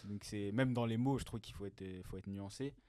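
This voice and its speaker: A man's voice: lowish voice, a little fast, a little mellow, no room sound, studio quality. A man hosting a casual podcast chat, sharing his views and asking his friends thoughtful questions. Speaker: podcast host.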